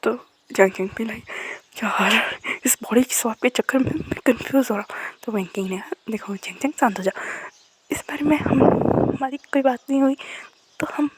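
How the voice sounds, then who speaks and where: A woman casually retelling a drama's plot as a storyteller, moving quickly between narration and the characters' lines. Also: a little high, breathy edge, dry recording, poor audio. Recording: faint background noise.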